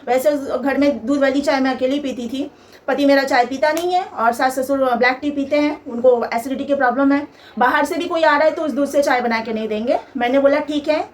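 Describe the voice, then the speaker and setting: A young woman vlogger telling a personal story in an emphatic, aggrieved way, piling up lists of complaints. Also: high voice.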